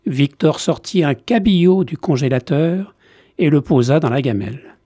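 A man reading a novel excerpt aloud in a measured, deliberate scripted narration. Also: a little high, lively intonation, dark tone, breathy edge, no room sound, clean studio sound. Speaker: reader of book excerpts.

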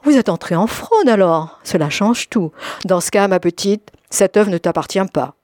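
A woman's voice: medium pitch, lively intonation, normal speed, a little mellow, no echo, clean studio sound, natural voice. Woman putting on a cold, haughty charity lady. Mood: coldly polite. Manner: coldly polite, sharply questioning. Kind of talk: audiobook reading.

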